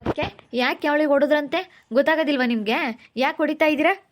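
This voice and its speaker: A woman's voice: high-pitched, fairly quick, a little hiss or hum, natural voice. A woman playing a middle-aged uncle who firmly defends his niece in an amateur family drama. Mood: scolding. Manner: firm, scolding, then protective.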